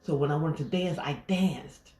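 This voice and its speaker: A woman life coach giving a gentle, reflective affirmation talk, pausing often. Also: low voice. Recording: roomy echo.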